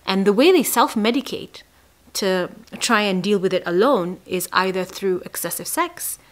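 A woman talks straight to her viewers as a psychologist, in a mid-range voice. Her delivery is emphatic, and she often sinks into a soft, near-whispered aside to press a point home. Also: mid-range voice, lively intonation, moderate pace. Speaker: psychologist hosting an educational channel. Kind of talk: explanatory talk to camera.

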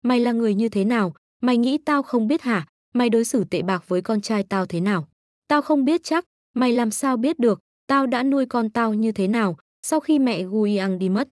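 A woman's voice: a little high, brisk, a little mellow, no room sound, studio quality, close to an everyday voice. A woman voicing a furious older chairman, an overprotective father who scolds bluntly. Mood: scolding.

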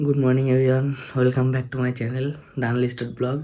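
A man's voice: medium pitch, unhurried, very noisy. A young man hosting a casual travel vlog, talking to his viewers about the day. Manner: hushed and soft-spoken early on, so as not to wake his father; excited and loud outdoors with friends. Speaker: vlogger.

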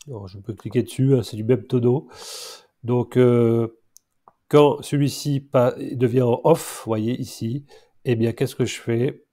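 A man in his forties with a nasal, stuffed-up voice from allergy, giving a casual, improvised screen-share tutorial in a hesitant, halting way. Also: medium pitch, warm tone. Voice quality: nasal, congested from a blocked nose. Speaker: vlogger showing his home solar setup.

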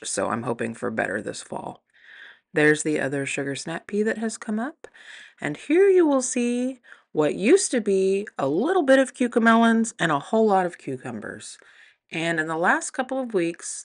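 Low-voiced woman on a garden tour. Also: fairly bright tone. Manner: chatty and upbeat, with some fillers. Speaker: gardening vlogger. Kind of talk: casual garden tour narration. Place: outdoor backyard garden.

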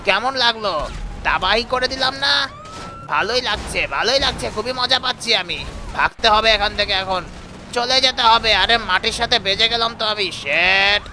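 A man voicing a cruel, gleeful male monster that threatens to eat and kill everyone, gloating slowly over his threats. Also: sits high, sharp tone, a little hiss or hum, voice pushed down. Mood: gleeful destruction. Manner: slow gloating threats, evil laughter. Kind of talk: comic gameplay role-play dub.

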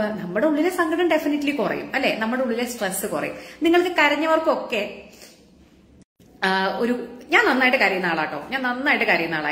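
In an echoey room, a female doctor chats casually with her live-stream audience about health, asking them rhetorical questions. Her voice sits on the high side with a fairly bright tone.

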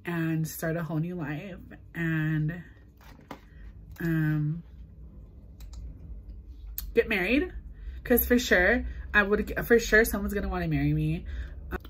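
A young woman vlogging to camera about her feelings, tearful and halting, full of fillers. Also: on the low side, slight background noise, low-quality recording. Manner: halting, emotional, filler-heavy with lots of "like". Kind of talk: confessional vlog to camera.

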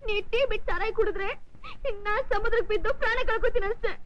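An actress playing a young woman who scolds her drunk father in a sharp, exasperated way. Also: very high voice, fairly even intonation, racing, highs cut off, very noisy. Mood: scolding.

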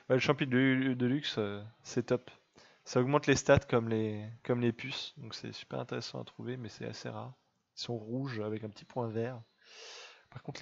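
A young man talks through his gameplay in a relaxed, chatty way at a middling pitch, teasing the creature on screen now and then. The sound is a bit dull, from a modest home mic. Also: gravelly. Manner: chatty, teasing his game pet, laughs often. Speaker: let's play gamer. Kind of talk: casual gameplay commentary.

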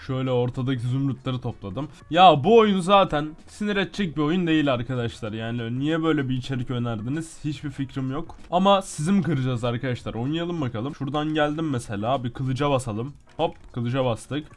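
A young man doing casual gameplay commentary while sick with a slight cough. He swings between muttering that he is calm and sudden shouting outbursts. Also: medium pitch, brisk, hardly any pauses. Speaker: gaming YouTuber.

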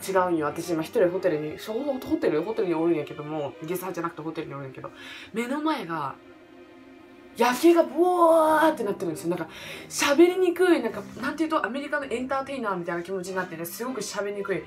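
早口で抑揚豊かな西日本なまりの若い女性. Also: female voice, on the low side, rapid-fire. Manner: rambling, excitable, jokey. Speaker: vlogger. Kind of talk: casual solo vlog chat. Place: hotel room at night, indoors. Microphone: camera in front under bright lights. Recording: background music under voice.

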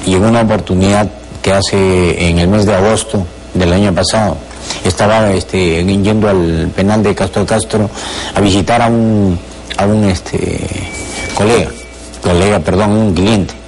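Middle-aged man, Peruvian Spanish accent, very deep voice, hesitant, lots of fillers, TV studio interview, lapel mic, faint noise behind. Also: fairly even intonation, a little slow, a little mellow. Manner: hesitant, with many fillers and repeated words. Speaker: former defense lawyer, interview guest. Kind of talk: television interview. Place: television studio.

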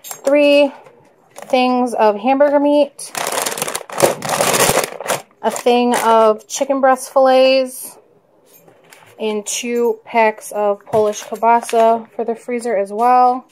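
A young woman vlogger talks casually through her grocery haul, speaking into a handheld camera first in her parked car and later in her kitchen, and she is enthusiastic about the food she shows. Her voice is fairly high and darkish with a steady tone, and she speaks slowly with frequent pauses over slight background noise.

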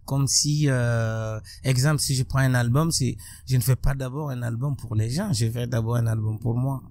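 A gravelly-voiced musician from Burkina Faso gives a reflective interview, thoughtful and halting with many restarts. His medium pitch stays fairly even and a little mellow, recorded dry on a boom-arm studio mic in a bright room with plants and large windows.

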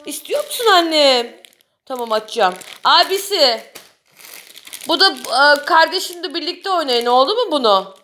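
Young mom w a high bright voice cooing at her little kids, bit of hiss behind. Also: lively intonation, normal speed. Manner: cooing, coaxing talk to small children. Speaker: mother filming her children. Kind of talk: casual family vlog.

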